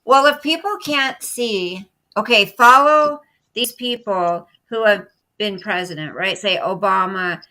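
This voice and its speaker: Woman, middle-aged, bright voice, emphatic, indignant, casual talk-show chat. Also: mid-range voice, unhurried, poor audio. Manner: emphatic, indignant, repeats phrases. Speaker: co-host. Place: at home, live stream.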